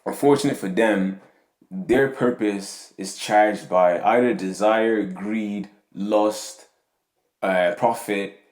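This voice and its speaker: In an echoey room, a young adult podcast host from Nigeria delivers a casual monologue on faith and community. His deep voice is slow and a little mellow, and he rambles, ending lines with "yeah?" and "you know what I'm saying".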